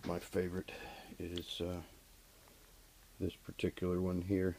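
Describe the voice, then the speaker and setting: This man speaks low and monotone at a measured pace, his tone darkish, as he plainly explains an HVAC repair one step at a time, using lots of fillers. Filmed on a camera he holds while working in the basement furnace area and workshop, the low-quality audio carries a little hiss or hum.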